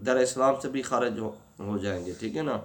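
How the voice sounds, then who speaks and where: In a lesson on prayer rules, a man with a medium-pitched voice teaches religious practice. He often raises his own questions and answers them. To demonstrate pronunciation, he stretches words out slowly.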